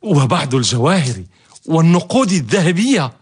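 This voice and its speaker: An actor playing a cunning, devoted servant and eager suitor in a radio drama, theatrical and expressive. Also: male voice, a little high, normal speed, breathy edge, heavily acted. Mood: boastful. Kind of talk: radio drama acting in formal Arabic.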